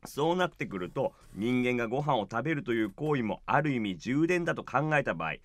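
A man's voice: mid-range voice, expressive, fairly quick, no echo, pitched below the performer's own voice, lightly acted. A man voicing a musing male theorist who floats wild ideas, in a manzai comedy sketch.

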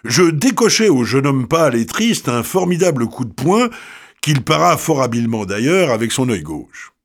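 A man reads a story aloud with wry, expressive delivery. His voice sits at a middle pitch but swings freely up and down. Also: normal speed.

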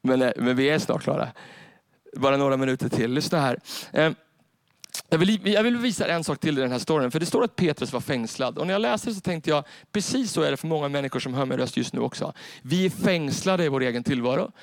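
A pastor preaches a sermon from a church stage, animated and repeating his key phrases directly to the congregation. His voice is a little high, and there's no room sound.

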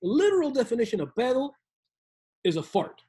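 A man's voice: extremely high pitch, sing-song, fairly quick, warm tone, husky. A man with a Cuban accent co-hosting a comedic radio show, joking and acting out Spanish phrases. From Cuba. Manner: joking, playful, acts out quoted phrases.

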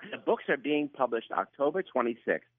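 A man's voice: medium pitch, no room sound. Emphatic Brooklyn-accented man, dull radio sound. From Brooklyn, New York, USA. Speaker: interview guest, author. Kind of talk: conversational radio interview.

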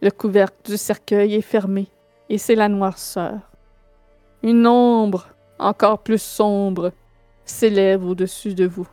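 Slow-paced woman game master. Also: medium pitch, dark tone, clear, resonant tone, no echo. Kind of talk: narrating a tabletop role-playing game.

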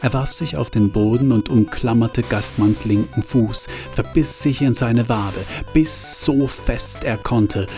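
A man narrating a story in a measured, detached way, at times half-whispered. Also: mid-range voice, warm tone, soft background music. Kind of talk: scripted audiobook narration.

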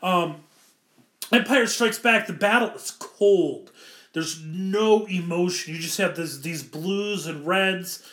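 A man's voice: high-pitched, takes it slowly, a bit bright, echoey room. A man giving casual, enthusiastic film commentary, rambling and often correcting himself mid-sentence. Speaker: film reviewer.

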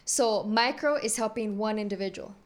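A woman's voice: medium pitch, measured pace. A woman activist and organizer in a podcast discussion, assertive and emphatic, often checking for agreement.

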